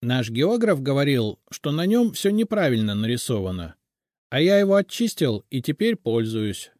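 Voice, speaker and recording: Small shy male house spirit, put on by a male reader, mumbling, higher voice, dry close sound. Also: very animated, normal speed, a little mellow, no echo, natural voice. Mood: earnest. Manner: mumbling, deferential. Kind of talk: audiobook character voicing.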